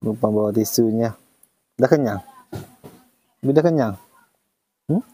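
A man vlogging as he feeds and looks after a baby animal, talking gently and coaxing it with repeated phrases. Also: medium pitch, unhurried, background noise. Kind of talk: casual vlog narration.

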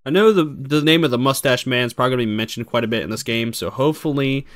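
A man's voice: mid-range voice, fast, a bit bright, dry recording. A man giving casual, sweary commentary while playing a video game. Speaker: gamer, commentator. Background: game sounds.

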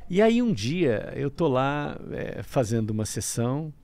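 A middle-aged man from Brazil, a guest telling a story in a casual interview, lively, with stammered restarts and bursts of laughter. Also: medium pitch, unhurried, no room sound. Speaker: guest, breathwork teacher.

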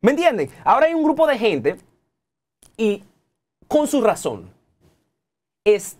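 A man in his thirties with a Dominican Spanish accent speaks as a guest in a TV studio interview. His pitch swings widely as he lectures the audience in an animated, preachy way and keeps calling out to them directly. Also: unhurried. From Dominican Republic. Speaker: technology guest.

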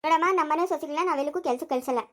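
A woman's voice: high voice, fairly bright tone. A woman playing a scolding village mother-in-law who rattles off complaints. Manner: scolding, rapid.

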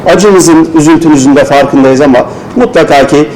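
A man's voice: fairly high pitch, normal speed, a little mellow, a little hiss or hum, rough recording. A man giving a formal, consoling ceremony speech at a pulpit microphone on an indoor event stage. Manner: formal, consoling, addresses dignitaries by title. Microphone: speaking at a pulpit microphone.

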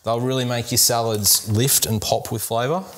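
A man's voice: mid-range voice, steady tone, moderate pace. A young man hosting a cooking lesson in a home kitchen, chatting casually and upbeat to viewers while he chops vegetables. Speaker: cooking show host, sports dietitian. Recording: kitchen clatter and chopping noise. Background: knife chopping on board, dishes clinking.

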